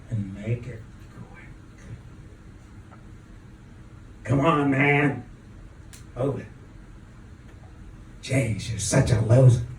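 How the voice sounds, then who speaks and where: A man reading a spoken-word story at an open mic, with a deliberate, halting, dramatic delivery and drawn-out pauses. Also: a little high, warm tone. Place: echoing room at an open mic event. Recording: roomy, distant mic, faint background noise.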